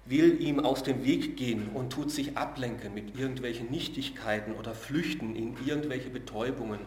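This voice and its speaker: Prediger in hallendem Saal. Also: male voice, medium pitch, echoey room, a little hiss or hum. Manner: earnest, slows and drops to a hush on key words; uses filler sounds between phrases. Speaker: preacher. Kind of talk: sermon.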